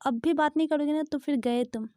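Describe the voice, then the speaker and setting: A bossy young man, played by a woman, who scolds and pushes his friend along. His voice is high and mellow, and it comes through a dry, close recording in a fan-dub story. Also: brisk, no echo, natural voice. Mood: scolding. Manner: scolding, pushy.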